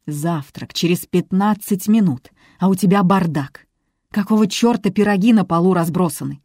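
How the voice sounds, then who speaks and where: A gruff, irritable manager barks blunt scoldings, as a woman reading the audiobook puts him on. The voice sits low and warm with a husky edge. He sounds fed up and bossy. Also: normal speed, no room sound, studio quality, lightly acted.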